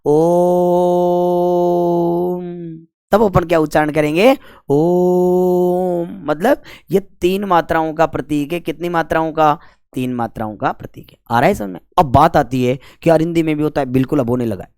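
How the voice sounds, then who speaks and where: A man's voice: fairly high pitch, a little fast, no room sound. Guy teaching grammar, asks and answers his own qs, drags out vowels, dry close sound. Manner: asks the class questions and answers them himself, drawing out the vowel sounds; chatty, with jokes between the rules. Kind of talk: exam-prep lesson.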